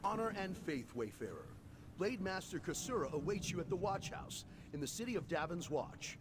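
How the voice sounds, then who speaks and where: Against a noisy background, a man voices an honorable, earnest sword apprentice in a fantasy video game, using formal, solemn wording like a herald. His voice sits high and sing-song at a moderate pace, sounding earnest and urgent.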